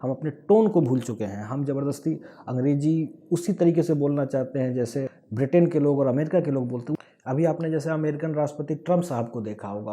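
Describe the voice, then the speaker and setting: A man from Bihar with a Bihari accent, explaining an online English lesson with everyday examples and lively emphasis. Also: fairly high pitch. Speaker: English teacher.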